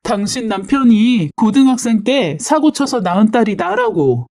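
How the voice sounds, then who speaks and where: A woman voicing a shrill, furious young woman. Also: sing-song, normal speed. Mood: bitter. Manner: yelling, accusing. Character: hot-tempered young woman, rude and shouting.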